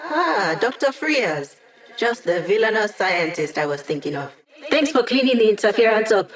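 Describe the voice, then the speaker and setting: A woman's voice: medium pitch, big pitch swings, moderate pace, lightly acted. An actress playing a young digital hacker woman in a video game, wry and playful, with casual, teasing tech-geek banter. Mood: dry, amused. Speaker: hacker support character guiding a squad. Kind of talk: video game character voice lines.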